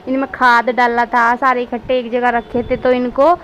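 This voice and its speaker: High-voiced young mother vlogging. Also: flat delivery, normal speed, fairly bright tone, a little hiss or hum. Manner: chatty, coaxing and teasing with her child. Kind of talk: casual home vlog.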